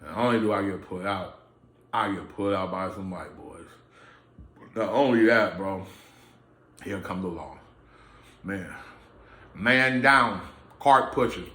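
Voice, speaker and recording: Indoors under lights, a man records himself on a camera mic telling a personal story, blunt, streetwise and freely profane. His lowish voice is bright and forceful, and the room sounds echoey.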